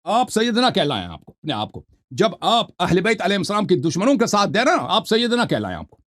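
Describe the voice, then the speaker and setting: Combative debate host, high voice. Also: male voice, huge pitch swings, a bit bright. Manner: combative, talks over the caller, reads out book passages. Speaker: host of a debate call-in show. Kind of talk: heated religious debate. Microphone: online call.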